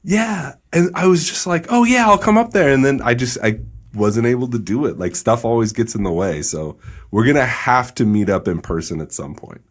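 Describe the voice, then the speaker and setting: A man speaking as a podcast guest, relaxed and candid in casual conversation. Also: medium pitch, normal speed. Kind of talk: casual interview chat.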